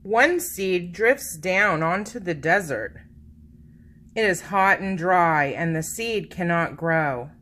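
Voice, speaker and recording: Expressive, bright-voiced woman reading a children's story. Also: on the low side. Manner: expressive, dramatic emphasis with drawn-out words. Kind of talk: read-aloud picture book narration.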